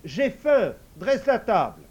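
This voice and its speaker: A man's voice: high-pitched, big pitch swings, slow pace, a little mellow, breathy edge, lo-fi sound, pitched above the performer's own voice, heavily acted. A man voicing a simple, cheerful young man in a storybook, speaking in a raised, naive voice.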